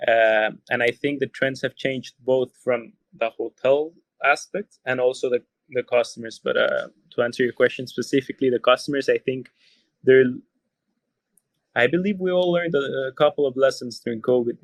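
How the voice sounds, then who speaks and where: Speaking at a moderate pace with medium pitch and a steady tone, the Costa Rican hotelier with a Spanish accent responds thoughtfully to a podcast interviewer. Words get repeated as he looks for phrasing, and there is no echo.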